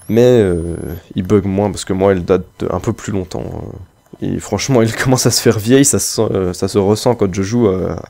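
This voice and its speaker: A man's voice: fairly low pitch, gravelly, dark tone. A man chatting casually while playing a shooter, rambling with lots of fillers and breaking off to react to the game. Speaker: gaming video creator. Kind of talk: casual chat over live gameplay.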